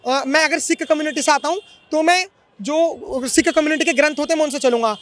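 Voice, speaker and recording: A man works a street crowd as interviewer, firing insistent, pressing questions. His voice sits very high and moves quickly. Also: fairly bright tone. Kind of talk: street vox-pop interview.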